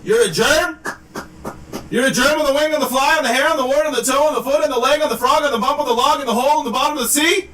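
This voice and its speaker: Give me a man shouting a high joking rant into a clipping, distorted microphone, set back from it in a roomy space. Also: fast, distant mic, slight background noise. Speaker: podcast co-host. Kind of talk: casual chat.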